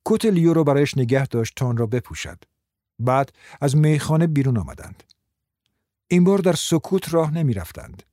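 A man reading a novel aloud as an audiobook narrator, in an even, measured storytelling manner. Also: medium pitch, dry recording, studio quality.

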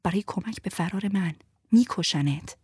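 A woman's voice: mid-range voice, breathy edge, no room sound, studio quality. A woman voicing a bruised, fierce young woman urging escape, in a whispered role-play. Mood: urgent. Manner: urgent hushed pleading.

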